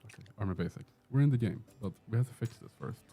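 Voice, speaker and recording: Fast-talking and animated, this man has a lowish, warm, husky voice and a Swedish accent, with faint music behind him. He's a game streamer from Sweden, joking and answering chat questions on a live gameplay stream from an indoor room with a door.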